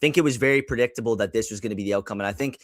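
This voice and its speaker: A man's voice: lowish voice, racing, no echo. A man from Canada, a sports writer and podcast host, talking basketball in a casual chat, restarting his sentences often.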